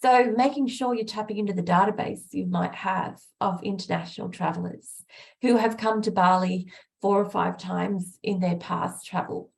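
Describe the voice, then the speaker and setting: Hoarse woman presenting on a video call, raspy and a bit gravelly, lots of ums. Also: medium pitch, a little mellow. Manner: measured, with many fillers. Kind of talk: conference presentation.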